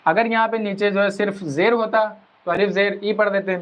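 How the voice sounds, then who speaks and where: A man teaching a Quran reading lesson, explaining patiently and drawing out each sound slowly as he spells it. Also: sits high, steady tone, a bit bright. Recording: dull lo-fi recording.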